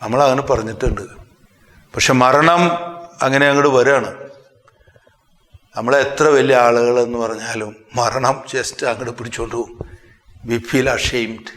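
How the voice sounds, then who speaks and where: Expressive Malayali priest in an echoey hall. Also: male voice. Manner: expressive, with sudden swings in pitch and loudness; slows down sharply to stress phrases. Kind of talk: sermon.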